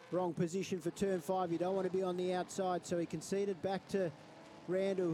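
A man's voice: high voice, dark tone. A man giving analytical live motorsport commentary, explaining moves conversationally as the second voice in the box. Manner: explains moves conversationally, restating and correcting himself. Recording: clear engine and trackside noise behind. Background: race cars, outdoor circuit ambience.

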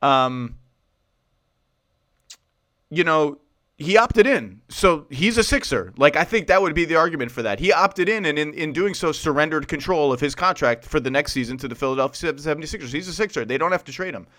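A man hosting a casual sports podcast, animated and rambling, tired from too little sleep. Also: on the high side, fast talker, hardly any pauses, no echo, studio quality. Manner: animated, rambling, asks long questions. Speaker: podcast host. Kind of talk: casual basketball podcast talk.

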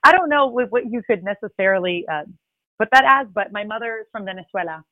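Speaking fast and expressively at a medium pitch, a young woman whose native language is Spanish rambles earnestly with little laughs as a sports reporter guest. The conversational interview is captured in a dry, dull, lo-fi recording.

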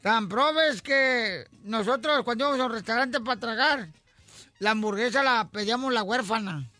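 A man hosting a radio show, loud and playfully teasing as he trades jokes. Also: very high voice, moderate pace, dry recording. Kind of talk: joking radio banter.

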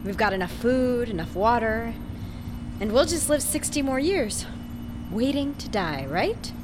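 A woman's voice: on the high side, lively intonation, unhurried, background noise. A woman playing a blunt, resigned, fatalistic young woman in an audio drama. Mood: bitter, tearful laughter.

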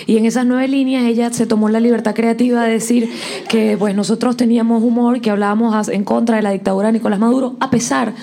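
A woman from Rico, co-hosting a comedy podcast with quick, crude, sarcastic quips. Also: fairly high pitch, fairly even intonation, creaky, warm tone. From Puerto Rico. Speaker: podcast co-host. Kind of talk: casual comedy podcast chat.

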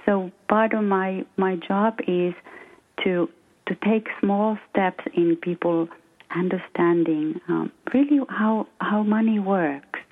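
A woman's voice: mid-range voice, fairly even intonation, slow pace. A middle-aged woman from Finland with a Finnish accent, a guest financial coach talking hesitantly with many fillers in an interview. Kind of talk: casual interview talk. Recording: tinny phone-like line.

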